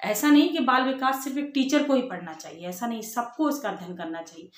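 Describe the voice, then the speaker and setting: Higher-pitched woman teaching in an echoey room. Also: fairly quick. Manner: explains simply, asks rhetorical questions, repeats "ठीक है". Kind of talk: exam-prep lecture.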